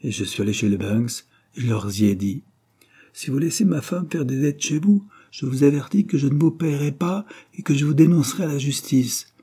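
Male reader as a stubborn proud laborer, emphatic, low and husky. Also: steady tone, brisk, hardly any pauses, dark tone. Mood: determined. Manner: emphatic, determined. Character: stubborn, proud unemployed working man.

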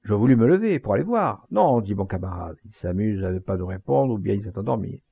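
A man's voice: lowish voice, animated, brisk, gravelly, husky, no echo, exaggerated voice. A man voicing a proud, jealous young gendarme, in an aggrieved, stiff way, in a slightly muffled home recording. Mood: rueful.

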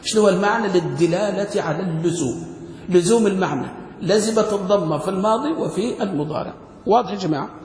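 A man's voice: sits high, quick pace, darkish tone. A man teaches a classroom grammar lesson. He keeps asking his students questions. The sound carries a long, echoing hall reverb. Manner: quizzing students with frequent questions. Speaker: sheikh teaching Arabic grammar. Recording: echoey hall.

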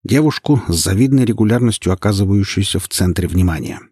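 Man playing a sly sneering detective, low husky voice, dry sound. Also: animated, fast talker, mellow, no room sound. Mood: mocking. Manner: mocking, slangy. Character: sly sarcastic male detective, cocky.

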